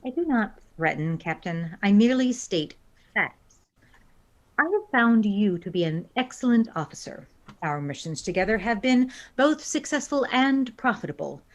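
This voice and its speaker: In a sci-fi audio drama, a woman voices a female alien first officer who is cold and logical, choosing her words with formal, measured precision. Her natural, expressive voice sits mid-range, and she sounds coolly threatening.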